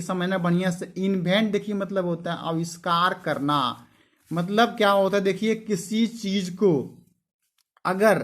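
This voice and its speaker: A man teaching English vocabulary, who spells words letter by letter and keeps asking his students questions that he then answers himself. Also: high voice. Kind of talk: explaining word meanings to students.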